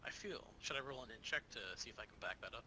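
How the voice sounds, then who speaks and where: Male game player, animated mid-pitched voice, casual table talk over clear rumbling noise. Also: fast talker. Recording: noisy room with low rumble.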